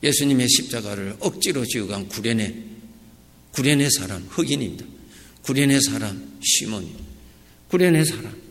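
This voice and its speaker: Gravelly-voiced man preaching with swinging pitch. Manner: lively preaching, rising to emphatic peaks and dropping to soft asides. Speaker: pastor. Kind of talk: sermon. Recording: reverberant church hall.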